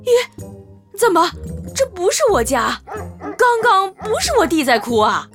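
A woman's voice: very high-pitched, very animated, unhurried, over music, heavily acted. A woman voicing a careless, flustered young mother in a children's storybook, full of exclamations and fretful sighs. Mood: puzzled.

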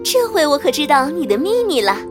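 A woman's voice: high voice, big pitch swings, brisk, music in the background. A woman voicing a nosy, jealous three-eyed girl in a children's audio story, bossy and tattling. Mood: smug. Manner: tattling and smug.

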